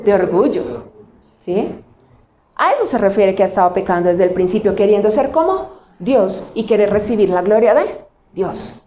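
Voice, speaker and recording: A woman pastor from Cali, Colombia, preaches in Cali-accented Spanish, asking the congregation questions and answering them herself while slowing down to stress single words. Her mid-range voice is warm with lively intonation, heard in an echoey room.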